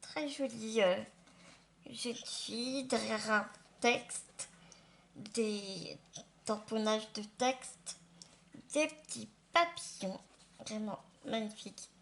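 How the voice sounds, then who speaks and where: Her voice is a little high, creaky, and a bit bright, moving slowly with frequent pauses. As a craft unboxing vlogger she talks casually and lovingly to her viewers, a slight post-dental-surgery lisp making her s sounds slushy.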